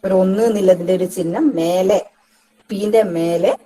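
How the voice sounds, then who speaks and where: An English tutor from Kerala, India, with a Malayali accent, teaches pronunciation for an exam in a lecture that mixes Malayalam and English, explaining step by step and repeating key words. Her medium-pitched, mellow voice is steady at a moderate pace, though the audio is poor.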